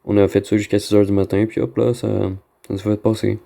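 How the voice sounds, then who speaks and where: Gravelly and dark, his lowish voice comes out a little fast with a flat delivery. He's a gamer from Quebec with a Québécois French accent, rambling casually through slangy commentary for a video and mixing in English slang.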